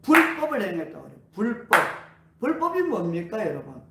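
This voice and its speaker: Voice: mid-range voice, huge pitch swings, a little fast, distant mic, very noisy. A pastor preaching a sermon at a healing revival, asking the congregation question after question. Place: church sanctuary. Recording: roomy church hall, voice away from mic.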